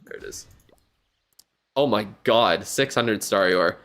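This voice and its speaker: A man's voice: fairly low pitch, slow, a bit bright. A tired man streaming live, giving casual, rambling commentary on a viewer's game account and thinking aloud with lots of fillers. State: yawning, tired.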